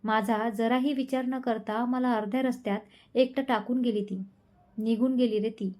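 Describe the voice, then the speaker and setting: A heartbroken young man, bitter and despairing, who keeps repeating his outbursts, as a woman storyteller reads his lines. The voice stays fairly high and mellow, with soft warm tones. It is an audio storybook drama. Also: steady tone, normal speed, natural voice. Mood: anguished. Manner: anguished outbursts, repeats himself.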